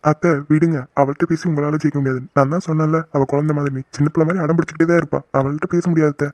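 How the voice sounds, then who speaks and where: A man's voice: a little high, flat delivery, racing, darkish tone, lightly acted. A man voicing a good-natured, teasing husband in a cartoon, joking with his in-laws. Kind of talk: cartoon voice acting.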